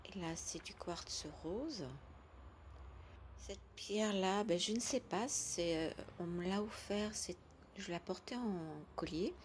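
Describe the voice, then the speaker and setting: A woman vlogger chatting casually and gently about her daily routine, hesitating often with fillers. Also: medium pitch, takes it slowly, slight background noise. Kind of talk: casual chat.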